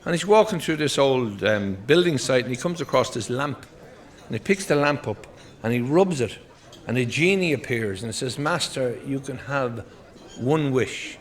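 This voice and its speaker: A man's voice: medium pitch, expressive, normal speed. An Irish man doing stand-up, rattling off one-liners and short joke stories and acting out the characters in them. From Ireland. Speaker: stand-up comedian.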